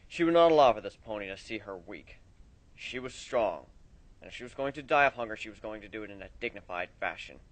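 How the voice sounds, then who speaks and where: A man reading fan fiction aloud, expressive, his loudness rising and falling with the story. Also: on the low side, fast talker, rough recording.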